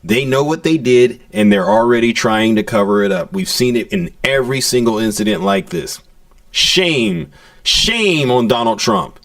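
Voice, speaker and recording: Indignant male commentator with a gravelly voice. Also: medium pitch, animated, brisk, hardly any pauses, dry recording, far from the mic. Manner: indignant, skeptical, addresses viewers directly. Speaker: news commentator. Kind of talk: livestream commentary.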